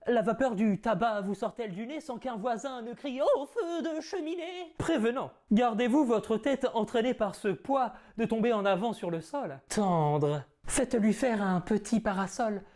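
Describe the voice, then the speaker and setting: A man's voice: high-pitched, warm tone, pitched above the performer's own voice. A proud, witty swordsman-poet as a hammy stage actor would. The delivery is flamboyant verse declamation, full of theatrical pride and biting wit. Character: proud, witty male swordsman-poet declaiming about his huge nose.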